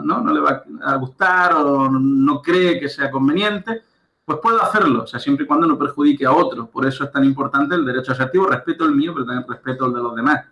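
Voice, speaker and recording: A man's voice: on the high side, pushed and bright, dull audio. Spanish-man lecturing in an echoey room. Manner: explanatory, checks understanding with frequent "¿de acuerdo?" and "¿vale?". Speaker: lecturer and professional coach. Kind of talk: recorded online lecture.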